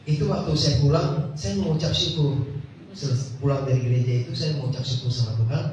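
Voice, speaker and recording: A man with a high voice preaches a testimony, speaking directly to the congregation and acting out the conversations he recounts. He sounds distant from the microphone. The hall rings with a lot of echo under a faint hiss. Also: quick pace, darkish tone. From Indonesia. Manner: storytelling, acts out dialogue, addresses congregation. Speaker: guest preacher. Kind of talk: sermon testimony. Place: church hall. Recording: echoey church hall, distant mic, faint noise.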